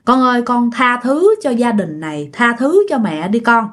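A woman's voice: on the high side, expressive, normal speed, close to an everyday voice. A woman voicing an older mother-in-law who kneels and begs forgiveness. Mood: pleading. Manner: pleading.

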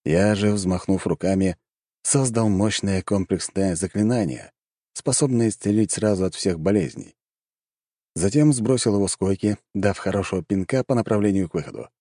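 A man reading an audiobook as narrator in an even, measured way. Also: fairly low pitch, no room sound, studio quality. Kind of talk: scripted narration.

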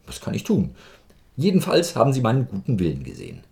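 A self-assured doctor talking slowly and persuasively, his voice low, dark and gravelly, as a man reads him in a storybook. he sounds measured and sure of himself throughout. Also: wildly swooping pitch, full character voice.

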